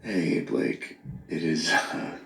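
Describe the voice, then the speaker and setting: A man leaving a late-night voice message on his phone, earnest and apologetic, talking haltingly with many pauses and restarts. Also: a bass voice, big pitch swings, creaky, fairly bright tone. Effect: voice message recorded on a phone. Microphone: phone held close. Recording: echoey phone voice memo.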